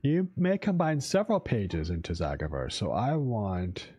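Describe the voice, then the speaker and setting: A man's voice: lowish voice, huge pitch swings, moderate pace, dark tone, husky. A man streaming a card game, casually commenting and reading the game's text aloud as he muses. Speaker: game streamer and English teacher.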